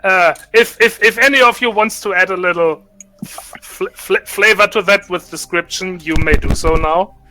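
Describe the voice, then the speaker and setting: A man narrating a tabletop role-play session as game master, halting with many restarts and fillers. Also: high-pitched, sharp tone.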